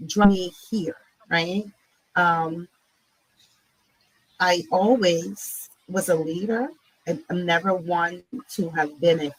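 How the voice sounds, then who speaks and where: A woman's voice: medium pitch, slightly rough, dry recording, poor audio. A woman from Barbados, a guest speaking reflectively in an interview and often asking "right?". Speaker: guest, nonprofit CEO. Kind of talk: conversational interview.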